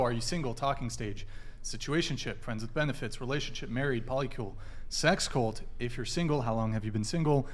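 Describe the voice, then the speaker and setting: A man hosting a casual panel podcast, asking the guests around the table questions in turn. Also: medium pitch. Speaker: podcast host.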